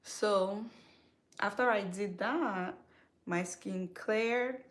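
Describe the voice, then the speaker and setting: A young woman from Cameroon tells a story to her viewers in a relaxed, chatty way. She circles back, repeats words, restarts and corrects herself as she goes. Her pitch sits in a middle range. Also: drawn-out words. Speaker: skincare vlogger. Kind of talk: casual storytelling while doing makeup.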